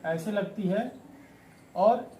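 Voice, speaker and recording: A man with a high voice gives a classroom lesson at an unhurried pace. He explains patiently and counts syllables aloud one by one. The room is echoey, with a faint hum of ambience behind him. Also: warm tone. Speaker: Hindi teacher. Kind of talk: classroom lesson on poetic meter.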